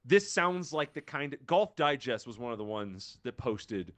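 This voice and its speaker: A man's voice: medium pitch, animated, a little slow, a bit bright. A man co-hosting a casual sports talk show, rambling with frequent laughs and restarts. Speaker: co-host.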